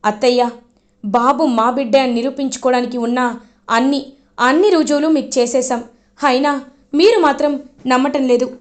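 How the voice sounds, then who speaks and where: A woman voicing a gentle young wife pleading with her mother-in-law in a serial recap. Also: high-pitched, moderate pace, pauses often, close to an everyday voice.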